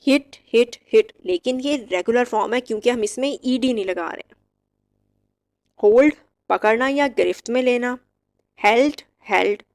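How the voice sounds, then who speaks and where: A woman teaching English verb forms, reciting each word slowly and clearly with short explanations. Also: fairly high pitch. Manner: slow, drilled word-by-word recitation. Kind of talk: vocabulary lesson.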